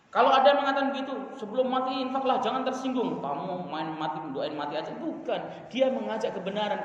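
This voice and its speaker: A male Islamic preacher giving a lively sermon, talking animatedly and chanting Arabic quotations now and then. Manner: animated, acts out quoted dialogue with big swings in pitch and volume. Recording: echoey hall, dull lo-fi sound, faint hiss.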